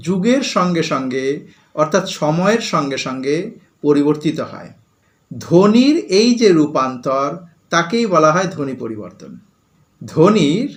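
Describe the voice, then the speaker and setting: A man teaching a grammar lesson to school students, explaining step by step and repeating key phrases with examples. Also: fairly high pitch.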